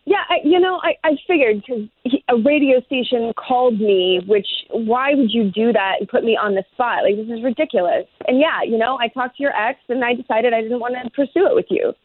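A woman's voice: on the high side, brisk, hardly any pauses. A woman talking to a radio show over the phone, guarded and blunt. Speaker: person called on air. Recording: tinny phone line, dry.

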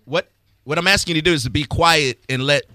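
A man's voice: fairly high pitch, fast, bright, forceful tone, dry recording. A male talk radio host pressing a caller with pointed questions, cutting in to steer the debate.

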